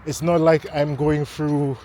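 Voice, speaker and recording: A man vlogging while he walks through a neighborhood at night, talking in a slow, halting way and repeating words as he goes. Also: on the high side, level tone, mellow, a little hiss or hum. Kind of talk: casual walking vlog talk. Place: outdoors on a neighborhood street at night. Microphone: handheld camera mic while walking.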